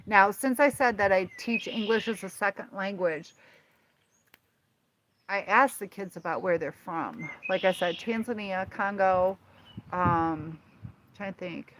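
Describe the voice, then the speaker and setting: A woman in her fifties, hosting a casual live stream, talking in a rambling, halting way with many fillers. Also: lowish voice. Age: 50s. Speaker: livestream host and teacher. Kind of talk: casual live-stream chat answering viewers. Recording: noticeable background noise.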